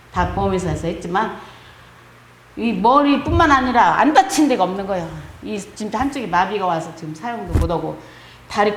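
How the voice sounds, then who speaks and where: A middle-aged woman pastor preaching a sermon with personal testimony, emphatic and asking her congregation rhetorical questions. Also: medium pitch. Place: church sanctuary. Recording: echoey church hall.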